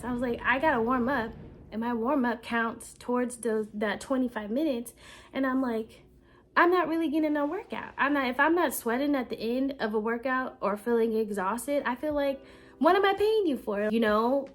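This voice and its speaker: Indignant woman vlogger, quoting both sides of an argument, a bit high-pitched, soft music underneath. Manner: animated, quotes herself and others in dialogue, indignant. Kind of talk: casual storytime rant.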